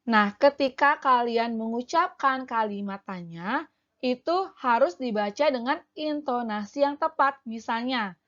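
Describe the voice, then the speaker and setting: A woman's voice: on the high side, lively intonation, unhurried, fairly bright tone, dull audio. A woman teacher explaining a language lesson for young schoolchildren, carefully and step by step, often starting with "nah" and "jadi".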